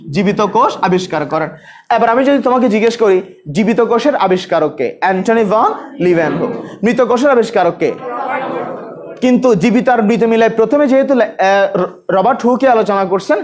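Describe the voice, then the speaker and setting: High-voiced man drilling a class. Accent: Bangladeshi Bengali. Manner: asks students questions and answers them himself, drilling; repeats terms slowly for students to pronounce. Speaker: teacher. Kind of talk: online exam-prep class.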